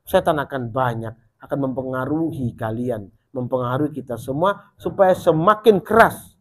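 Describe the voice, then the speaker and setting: A man preaching a sermon, rising high and loud to urge and dropping low and soft to warn. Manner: rises in pitch and volume when urging, drops low and soft when warning.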